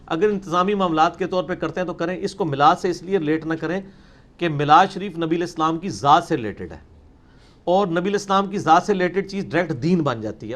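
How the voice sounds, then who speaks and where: A man answering religious questions in an emphatic, explanatory lecture style, with many English terms. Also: fairly high pitch.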